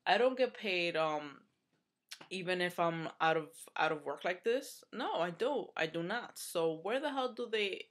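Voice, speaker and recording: A woman's voice: lowish voice, animated, measured pace. A young woman from the United States in a casual vlog, venting with frustration, swearing and using lots of fillers, with a runny nose. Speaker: vlogger.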